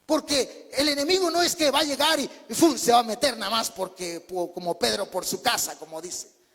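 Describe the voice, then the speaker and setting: A man delivers an emphatic, story-driven sermon in a very high, husky voice that is brisk and fairly bright. Behind every phrase hangs the long reverb of the church hall.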